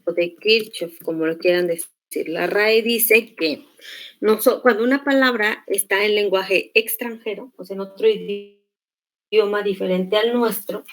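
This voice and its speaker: Woman teacher going slow thru a lesson, patient, keeps asking ok?. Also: medium pitch. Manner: slow, patient explaining with check-in questions. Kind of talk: online class lecture on electric circuits.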